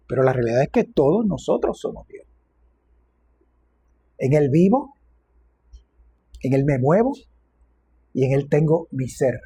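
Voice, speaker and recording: Preacher, male, reflective with light humor, mellow husky tone. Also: a little high, big pitch swings, takes it slowly, pauses often. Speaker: minister. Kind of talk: sermon.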